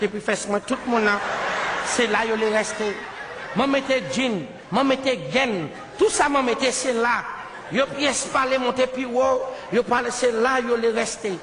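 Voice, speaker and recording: A man telling a comic story on stage in broken, childlike French, breaking into sudden shouts. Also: very high voice, measured pace. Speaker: comedian. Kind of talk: stand-up storytelling. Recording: live show with audience laughter and background noise. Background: audience laughing.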